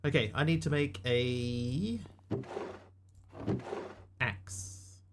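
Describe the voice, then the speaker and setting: A man with a New Zealand accent, originally from New Zealand, chats with viewers during a live game stream, reading their messages out loud and replying in a casual way. His mid-range voice draws out words, and there's slight background noise.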